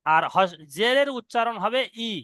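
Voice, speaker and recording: A man teaching Quran reading to students, spelling out each letter and syllable slowly. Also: extremely high pitch, expressive, pushed and bright, smooth, no room sound. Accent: Indian Bengali. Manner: slow, drawn-out syllable-by-syllable spelling. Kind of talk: spelling-out recitation lesson.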